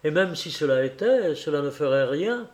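A man reading aloud as a kind young man who speaks in a soft, reassuring way. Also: a little high, lively intonation, normal speed, natural voice. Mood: gentle. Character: gentle, kind young man, calm and sincere.

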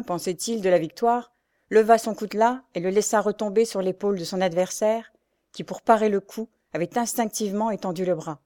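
A woman with a middling pitch narrates a classic novel for an audiobook, reading in a measured and expressive way.

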